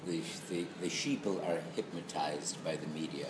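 A middle-aged man with a west of Ireland accent, a comedy venue operator being interviewed, speaks in a rumbling low voice at a moderate pace. He chats jokily in a wry, mock-serious rant, in an echoey room with clear background noise.

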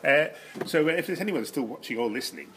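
A man bantering casually as co-host, halting and repeating himself with dry deadpan humour, in an echoey concrete room. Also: on the high side, slight background noise. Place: small echoey concrete venue.

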